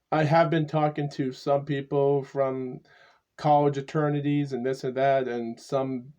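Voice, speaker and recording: A man in his twenties talking to the camera in a casual vlog monologue, halting and repetitive, stuttering often. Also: on the high side, a little mellow. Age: 20s. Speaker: YouTuber. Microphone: camera mic.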